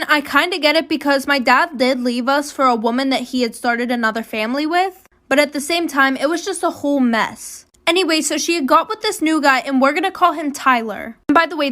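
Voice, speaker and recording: A woman's voice: sits high, a bit bright. A woman retelling a personal story in a casual, chatty way, peppered with filler words. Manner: chatty, full of filler words like 'anyways' and 'like'. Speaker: storytime narrator.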